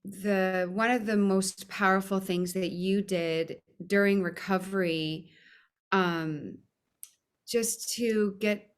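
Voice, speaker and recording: A woman's voice: medium pitch, steady tone, slow, clean tone. A woman from Hawaii hosting a casual interview chat, asking chatty, rambling questions. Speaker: podcast host.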